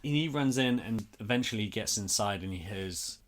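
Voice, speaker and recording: A man's voice: lowish voice, animated, moderate pace. A man co-hosting a podcast, recapping an episode in informal, sweary, casual chat and acting out paraphrased lines. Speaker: podcast co-host.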